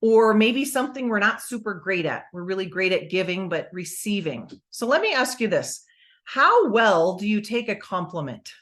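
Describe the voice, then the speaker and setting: A woman giving an energetic, emphatic motivational talk on a group call, asking her listeners questions. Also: medium pitch, moderate pace. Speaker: motivational speaker.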